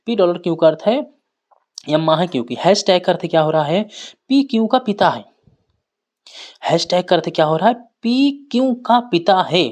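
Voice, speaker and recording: A man's voice: high-pitched, animated, moderate pace, a little mellow. Man teaching reasoning in a repetitive lecture. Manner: repeats key points, asks students questions. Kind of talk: classroom lecture.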